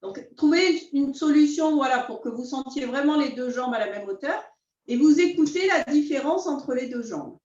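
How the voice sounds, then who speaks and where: A woman teaching a beginners' qi gong class, calmly guiding her students step by step. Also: high-pitched. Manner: calm, unhurried, step-by-step guidance. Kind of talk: guided class instruction. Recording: roomy, distant, dull sound.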